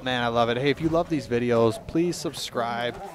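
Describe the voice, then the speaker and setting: A man's voice: medium pitch, normal speed, crowd noise. A man giving casual, joking voiceover commentary on a video compilation, often breaking off and restarting his sentences. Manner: casual, joking, self-interrupting. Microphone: voice-over.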